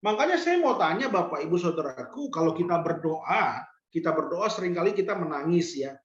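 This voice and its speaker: A man preaching a sermon as pastor, putting questions to the congregation and repeating key lines slowly for emphasis. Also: on the high side, very animated. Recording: roomy, dull lo-fi church recording.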